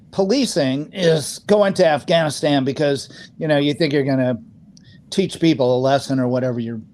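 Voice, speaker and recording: A man's voice: medium pitch, darkish tone. A man co-hosting a casual political podcast, talking in an opinionated, rambling way with many fillers and restarts. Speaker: podcast co-host.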